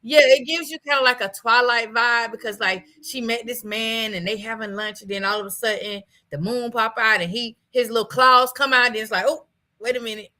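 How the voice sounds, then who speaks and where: A woman hosting a casual talk show, chatting in an animated way and laughing often. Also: fairly high pitch, moderate pace, hardly any pauses, rough recording. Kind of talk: casual chat.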